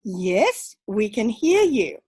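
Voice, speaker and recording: A woman's voice: mid-range voice, sing-song, slow, a little mellow, slightly rough, no room sound, low-quality recording. A woman hosting an online club meeting over video call, cheerful as she introduces and coaxes the guests. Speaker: meeting host.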